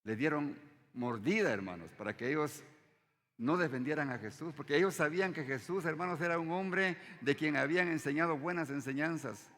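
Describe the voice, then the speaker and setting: A man preaching a sermon in a church, his voice carried by a long hall reverb. He keeps addressing the congregation as brothers, rising on key words and sinking low at the ends of phrases. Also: moderate pace, fairly bright tone. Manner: repeats "hermanos" often, dropping his voice low at phrase ends.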